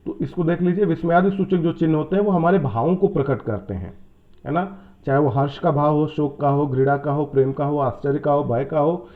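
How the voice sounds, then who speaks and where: A man with a somewhat high voice teaches a grammar lesson for exam students. He explains each point step by step and keeps checking that his listeners follow. He reads out the example sentences in a changed tone, and the sound is thin and tinny, like a phone line. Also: brisk. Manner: explains step by step, often asks "है ना?" and "क्या लग गया?".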